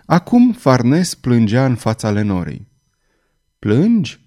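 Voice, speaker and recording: Mellow man narrating an audiobook. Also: mid-range voice, expressive.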